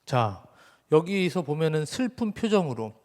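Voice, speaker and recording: A man's voice: on the high side, sing-song, unhurried, darkish tone. A young man preaching a sermon as pastor in a conversational way, speaking directly to his congregation in a church sanctuary. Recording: reverberant church hall.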